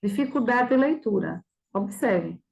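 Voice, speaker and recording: High-voiced woman teacher, didactic. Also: animated, a little slow, vocal fry, darkish tone, rough recording. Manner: didactic, with frequent checking questions. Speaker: Portuguese teacher. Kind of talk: reviewing a practice exam.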